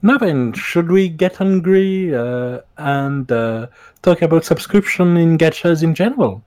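A man co-hosting a casual gaming podcast, measured in speech and steering the discussion. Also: fairly high pitch, lively intonation, a little mellow, clean tone, no echo. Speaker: podcast co-host.

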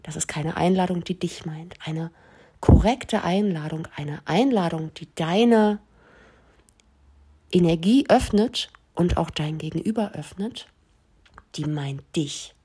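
A woman coach talking earnestly and directly to her listeners in a podcast monologue, dropping at times to a breathy near-whisper. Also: lowish voice, takes it slowly, mellow.

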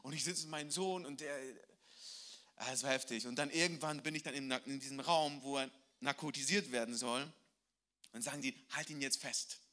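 A male pastor preaching a sermon, telling a personal story with emotion and moving between loud passages and hushed ones. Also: medium pitch, fairly quick.

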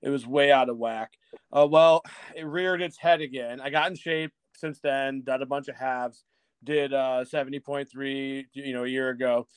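Laughing and cursing as he goes, this middle-aged man tells a meandering, self-deprecating story as a guest on a podcast, with restarts and acted-out dialogue. His mid-range voice is steady and clean at a moderate pace, with no room sound.

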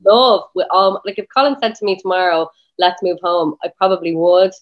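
An Irish woman in a casual chat as a guest, talking fast and loose with lots of "like" and plenty of swearing. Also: medium pitch, highs cut off. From Ireland. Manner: rapid, chatty, peppered with swearing and "like". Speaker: guest, spray tan business owner.

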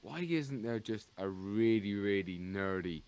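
A man's voice: on the low side, unhurried, clean tone, no room sound. A man co-hosting a football podcast, rambling and restarting his sentences in casual chat. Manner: rambling, restarts often, animated. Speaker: podcast co-host.

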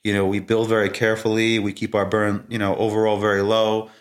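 A man's voice: on the low side, completely flat delivery, brisk. A man talking casually and reflectively as an interview guest. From Brooklyn, New York.

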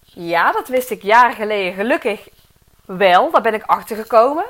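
A woman's voice: medium pitch, animated, normal speed, fairly bright tone. A middle-aged woman with a Dutch accent, a coach talking through a personal podcast monologue in an earnest, reflective way, with many fillers and restarts. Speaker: podcast host and career coach.

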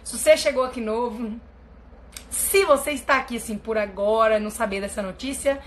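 A woman's voice: a little fast, a little hiss or hum. A woman with a Brazilian Portuguese accent, chatting casually to her live-stream viewers as a family constellation therapist, telling stories with big swings in her voice. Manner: animated storytelling with big pitch swings.

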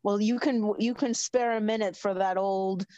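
A woman's voice: medium pitch, fairly even intonation, moderate pace, warm tone, dry recording, lo-fi sound, close to an everyday voice. An insistent older man acted out by a woman in improvised story role-play. He rambles, repeats himself and goads in a folksy, old-fashioned way, recorded dry. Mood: grumbling, insistent. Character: pushy, gleeful older man playing matchmaker, old-fashioned.

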